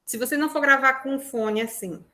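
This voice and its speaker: A Brazilian woman gives an online workshop from home, talking into a lapel mic. Her voice sits a little high and sounds bright and clear. She explains things in a chatty way and keeps checking in with tag questions. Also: fast. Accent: Brazilian Portuguese. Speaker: workshop presenter. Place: room at home. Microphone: lapel mic on a phone.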